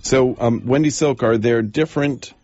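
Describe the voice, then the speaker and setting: A man hosting a radio interview, speaking haltingly with many fillers. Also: mid-range voice, a little mellow, muffled recording.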